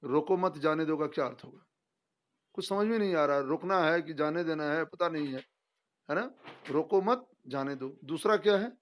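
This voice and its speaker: A man's voice: on the high side, normal speed. A middle-aged male teacher giving a spoken grammar lesson, emphatic and full of rhetorical questions, acting out example sentences.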